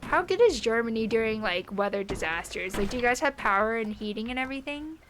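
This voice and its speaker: Chatty young woman, slightly high voice. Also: animated, quick pace, fairly bright tone, a little hiss or hum. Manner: chatty and rambling, many "like" fillers, light laughs. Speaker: streamer. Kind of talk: casual chat with a live stream audience.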